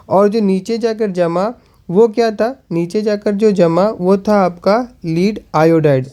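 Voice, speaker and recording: A male teacher giving a chemistry lesson, repeating questions and answering them, and slowing down while he writes. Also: high voice, warm tone.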